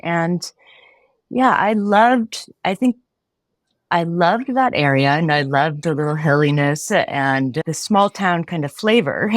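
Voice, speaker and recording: A philosophy professor in her forties from Connecticut appears as a podcast guest, answering interview questions thoughtfully, often restarting and laughing lightly. Her voice is low-pitched, recorded cleanly in a studio with no room sound.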